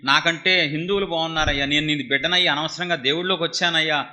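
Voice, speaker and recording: A preacher playing a bitter believer who grumbles that God is unfair. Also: male voice, a little high, fairly even intonation, pushed and bright. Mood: whining complaint. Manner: whining, grumbling, rapid. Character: bitter complaining churchgoer.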